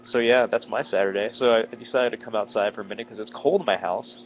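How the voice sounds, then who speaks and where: A lowish-voiced vlogger with a head cold sounds congested and stuffy as he talks casually to camera outdoors at his home, grumbling and poking fun at himself. The recording is dull and lo-fi, with clear outdoor noise from the residential neighborhood around him.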